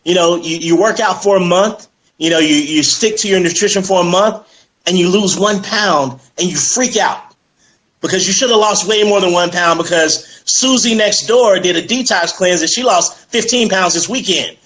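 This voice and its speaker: A male fitness coach speaks as a guest in a casual interview. His voice sits a little high, and he talks with persuasive energy, filling pauses with "you know" and "um". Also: fairly bright tone, low-quality recording. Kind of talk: casual interview on a live stream.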